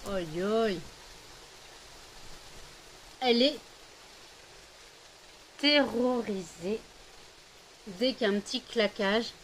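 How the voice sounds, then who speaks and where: A woman's voice: a little high, slow, long pauses, slight background noise, low-quality recording. Chatty woman cooing to her pets. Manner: coos baby talk to frightened pets. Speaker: vlogger. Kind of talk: casual home vlog. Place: home, rain heard outside.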